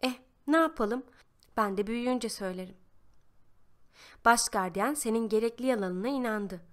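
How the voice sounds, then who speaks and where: A woman reading a novel aloud as scripted narration, telling a child's first-person letters with lively, expressive shifts. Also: on the high side, normal speed. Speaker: audiobook reader.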